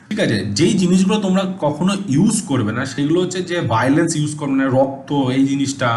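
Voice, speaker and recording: A man teaching an animation class, often checking "right?" and spelling out English words letter by letter. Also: on the high side. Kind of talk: informal classroom lesson. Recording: echoey room with faint noise.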